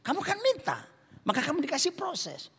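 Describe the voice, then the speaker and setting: A male pastor preaching a dramatic, playful sermon, swinging from loud bursts to hushed asides, in a church auditorium. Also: very high-pitched, wildly swooping pitch, moderate pace, vocal fry. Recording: echoey hall with faint music.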